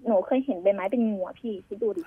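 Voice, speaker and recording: A young woman calling in, telling her story casually and excitedly. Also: mid-range voice. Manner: fast, excitable, self-calls "หนู". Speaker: caller. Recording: tinny phone line.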